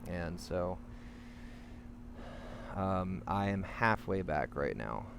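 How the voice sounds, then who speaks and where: Low-voiced man, halting, amid panic. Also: expressive. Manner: halting, rambling, trailing into self-corrections. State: in the midst of a panic attack, anxious. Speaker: vlogger sharing panic attack coping advice. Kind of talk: candid talk to camera, personal advice. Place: outdoors. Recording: clearly noisy, humming background.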